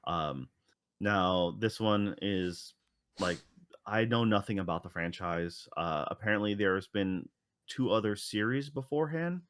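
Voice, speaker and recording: A man's voice: lowish voice, expressive, a little slow, a bit bright, slight background noise. A man co-hosting a podcast, chatting casually and rambling with lots of fillers and restarts. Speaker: podcast co-host. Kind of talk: casual chat.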